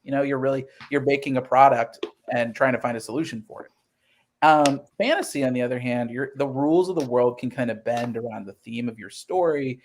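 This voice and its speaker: A man in his thirties, a comic book writer appearing as an interview guest, tells stories about his creative work in an earnest, conversational way, acting out quotes as he goes. His mid-range voice moves fairly quickly, and there's slight background noise.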